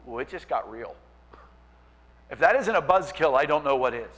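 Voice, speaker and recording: A man preaching a sermon as pastor, animated and acting out quoted voices. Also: mid-range voice, moderate pace, poor audio.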